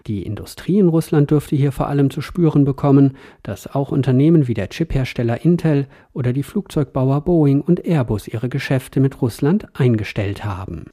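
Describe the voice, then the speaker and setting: A male news reader with a deep, dark, mellow timbre. He reads in an even, matter-of-fact manner. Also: normal speed, hardly any pauses. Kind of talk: news reading.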